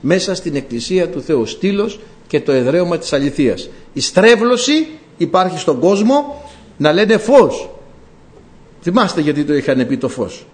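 A man's voice: on the high side, very animated. A man preaching a sermon with passion, firing rhetorical questions at his listeners and reciting scripture in formal, archaic phrasing. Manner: impassioned, fires rhetorical questions.

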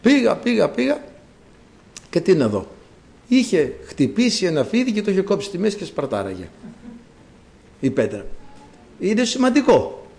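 A man preaching a sermon, speaking straight to his congregation in an animated, fervent way. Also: high-pitched, gravelly, pauses often, a little hiss or hum.

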